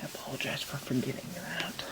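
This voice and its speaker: A whispered role-play by an ASMR performer as a gentle, attentive massage therapist, soothing and instructional. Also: medium pitch, fairly even intonation, low-quality recording. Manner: soothing, slow counting, instructional. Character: gentle, attentive massage therapist talking a client through treatment.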